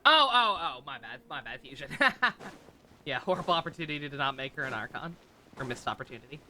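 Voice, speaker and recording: Animated and quick, a man with a bright, forceful, mid-range voice comments casually as he streams a video game with game music playing. He rambles, hesitates often and tends to drop off mid-thought.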